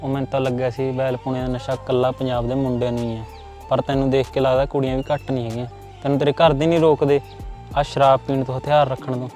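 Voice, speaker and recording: A man's voice: medium pitch, little pitch movement, fast talker, dark tone, soft background music, natural voice. A young man playing an anxious job seeker who frets, pleads and panics. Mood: probing. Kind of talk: Punjabi short film acting.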